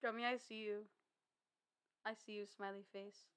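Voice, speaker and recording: A woman's voice: medium pitch, little pitch movement, moderate pace, a bit bright, smooth. A woman streamer talking through a voice changer in a playful, teasing way as she chats over a game. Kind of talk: casual gaming stream chat.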